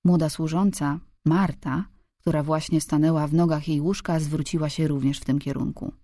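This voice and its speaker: A woman reading a novel aloud as an audiobook narrator, calm and even. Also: low-pitched, moderate pace, no room sound, studio quality. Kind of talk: scripted narration.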